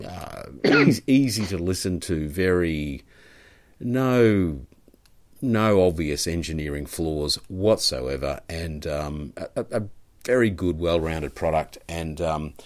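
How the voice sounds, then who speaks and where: A man with an extremely low, deep voice, co-hosting a podcast. He chats casually and rambles, looping back through restarts as he talks. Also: expressive, slow pace. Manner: rambling, full of restarts and fillers. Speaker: podcast co-host. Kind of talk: casual chat.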